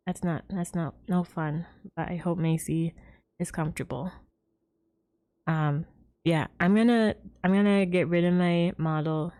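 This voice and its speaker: A woman streams a game and chats with viewers in a casual, giggly way as game music plays behind her. Her voice is mellow and on the low side.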